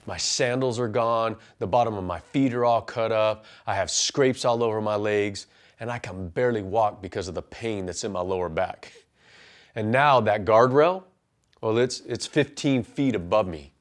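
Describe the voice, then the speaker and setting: A man's voice: on the low side, normal speed. Earnest man in his forties, motivational storyteller. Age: 40s. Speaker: men's life coach and pastor. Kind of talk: personal testimony and motivational talk.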